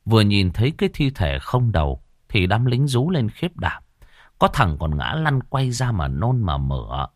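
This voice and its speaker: A man narrating a scripted horror story in a dramatic, dark storytelling manner. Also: on the low side, sing-song, normal speed, no echo, studio quality.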